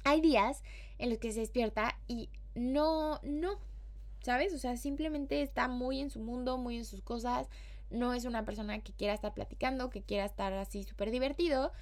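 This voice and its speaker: A woman's voice: on the high side, moderate pace. A woman with a Mexican accent, hosting a podcast in a chatty, slangy, casual way. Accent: Mexican Spanish. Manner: chatty and slangy, with playful acted-out quotes. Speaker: podcast host.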